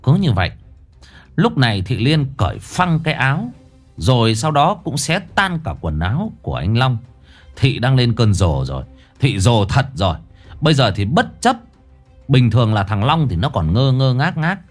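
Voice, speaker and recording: A man's voice: mid-range voice, sing-song, moderate pace, soft background music. A man narrating a ghost story in a colloquial, crude and dramatic manner.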